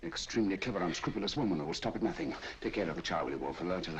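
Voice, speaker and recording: A brisk, urgent Holmes. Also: male voice, low voice, big pitch swings. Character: sharp quick-thinking male detective, Holmes. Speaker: detective. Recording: dull old film soundtrack with faint hiss.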